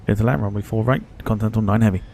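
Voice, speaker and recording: A man's voice: fairly low pitch, steady tone, rapid-fire, vocal fry. A man making pilot radio calls in clipped air traffic phraseology, reading back instructions while flying a simulator. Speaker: streamer flying a flight simulator.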